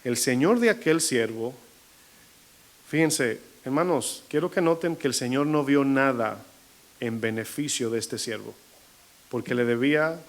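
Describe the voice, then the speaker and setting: A man preaching a sermon in Latin American Spanish as pastor, asking the congregation questions and slowing down to stress key points. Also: mid-range voice. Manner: shifting pace, slowing to stress figures.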